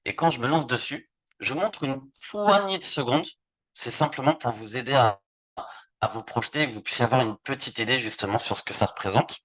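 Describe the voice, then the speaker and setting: A man's voice: medium pitch, brisk, fairly bright tone. A man from France presenting a live webinar, walking through a website casually and repeating words as he clicks through screens. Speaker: online presenter. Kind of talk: live webinar product demo.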